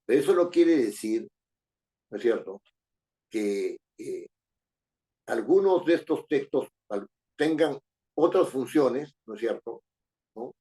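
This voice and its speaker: A man's voice: medium pitch, animated, takes it slowly, pauses often, warm tone. Peruvian guy teaching class, mid voice, keeps asking "no es cierto", repeats himself. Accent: Peruvian Spanish. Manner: frequent "¿no es cierto?" tags, rhetorical questions, repeats phrases. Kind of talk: lecturing a class.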